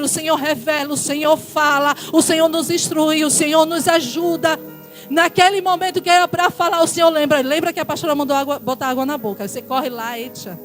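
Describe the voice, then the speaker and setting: A woman pastor with a Brazilian Portuguese accent preaches a sermon, her voice sitting high as it swings between loud exhortation and quiet asides.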